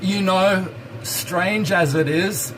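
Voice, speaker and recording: A live streamer from Hong Kong, raised in Australia, rambles casually while cooking at a hot stove in his home kitchen and answering viewer questions. His high, slightly bright voice moves slowly. The audio is poor, with a bit of hiss or hum.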